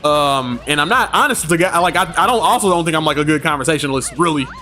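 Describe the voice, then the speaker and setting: A man streaming a game, chatting casually and telling stories in animated slang, laughing often. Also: a little high, fast talker, faint music behind. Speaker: gaming streamer. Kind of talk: casual livestream chat.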